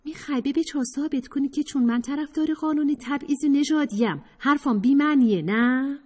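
A woman's voice: high-pitched, darkish tone, voice pushed up, natural voice. A woman narrator voicing a sarcastic, evasive young woman who teases and dodges serious questions. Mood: teasing. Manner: teasing, sarcastic, dodging questions. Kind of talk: audiobook character voice.

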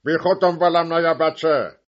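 A man voicing a callous grown horseman who talks down loudly and mockingly. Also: on the high side, voice pushed up, close to an everyday voice. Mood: taunting. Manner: loud and taunting. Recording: dull lo-fi recording.

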